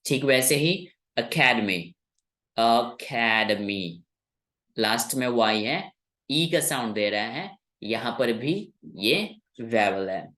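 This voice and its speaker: With a medium-pitched, slightly bright voice, a man who grew up speaking Hindi gives a patient classroom lesson on English sounds, slowly repeating the key words.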